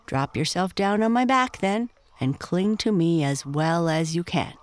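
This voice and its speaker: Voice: medium pitch, animated, unhurried, lightly acted. A storyteller voicing a pompous, bossy old male frog in a bedtime story, talking in a lofty, lecturing way. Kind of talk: storybook character voice.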